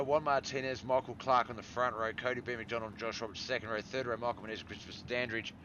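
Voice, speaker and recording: A man's voice: lowish voice, highs cut off, noisy background. A man calling sim racing play-by-play in a laid-back, rambling way. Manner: laid-back, rambling, yawning between calls. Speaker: race commentator.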